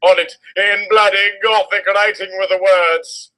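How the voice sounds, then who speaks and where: Bright, theatrical man reading slowly. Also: sits high, level tone, low-quality recording. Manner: theatrical, overwrought delivery. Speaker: reader of a fan fiction story. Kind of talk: mock-dramatic story reading.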